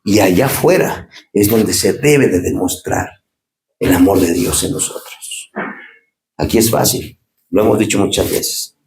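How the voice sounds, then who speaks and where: A man preaching a sermon as pastor, swinging from raised, urgent lines to low, quiet asides. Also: unhurried, creaky, roomy sound. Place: church.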